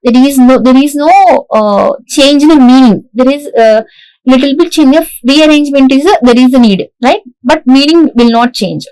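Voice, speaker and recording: A woman's voice: high voice, moderate pace, a little mellow, smooth, low-quality recording. A woman lecturer with an Indian English accent, explaining a lesson in a classroom style and often checking in with "right?". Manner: repeats "right?" to check understanding, frequent restarts.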